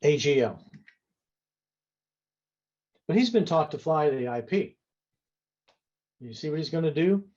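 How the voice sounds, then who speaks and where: A man's voice: fairly high pitch, lively intonation, measured pace, pauses often, darkish tone, lo-fi sound. Folksy man lecturing on glider safety. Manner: folksy, emphatic, with rhetorical asides. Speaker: soaring safety instructor and flight examiner. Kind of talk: seminar lecture drawing on a board. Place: indoor seminar room.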